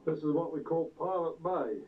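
A man narrating his own home video footage on an old VHS tape, unhurried, pointing out sights like a tour guide. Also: a little high. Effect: old VHS tape sound. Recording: tinny, distant, hissy old camcorder tape.

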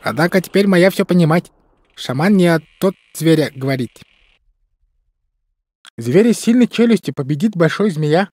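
A naive, good-natured tundra native from a cartoon game. The voice is high and husky, in broken pidgin Russian with a lisping mock Chukchi accent. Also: male voice, animated, normal speed, pauses often, a little mellow, no echo. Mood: earnest.

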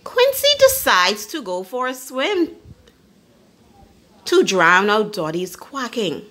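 A woman reading a children's story aloud in a teacherly way, pausing to ask her young listeners questions. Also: on the high side, big pitch swings, bright, forceful tone.

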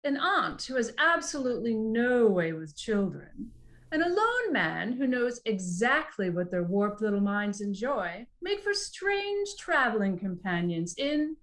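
A woman's voice: fairly high pitch, sing-song, unhurried, heavily acted. A woman playing a campy ghoulish horror hostess. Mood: arch. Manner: theatrical, arch, relishing dark jokes. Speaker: show hostess. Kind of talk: community audio play hosting.

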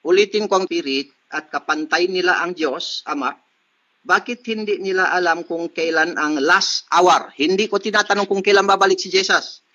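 A man's voice: high voice, bright, forceful tone. A man debating religion in an online call, insisting on his question and raising objections. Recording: dull lo-fi call audio.

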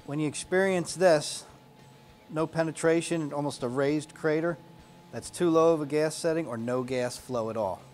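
In an indoor workshop garage studio, a man in his forties demonstrates welding, walking through every step in a plain, practical manner. His voice is on the high side and darkish, at a moderate pace, with a little hiss or hum in the recording.

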